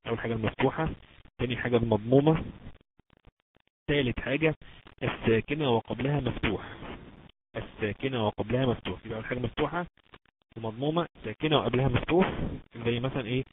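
In an online lesson, a man with an Egyptian Arabic accent teaches the rules of Quran recitation, patiently drilling each point and drawing example words out slowly. His voice is mid-range, heard over a tinny, phone-like line with background noise.

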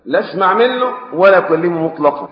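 A man with an Egyptian Arabic accent gives a religious lesson in a rapid, fairly high voice. He hits key words hard, drops into quiet asides and keeps asking his listeners questions. The sound is roomy with a long hall reverb and a dull, lo-fi tone. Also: animated. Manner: switches between loud emphatic stresses and quiet asides, asks the audience questions. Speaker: preacher. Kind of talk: religious lesson explaining classical texts.

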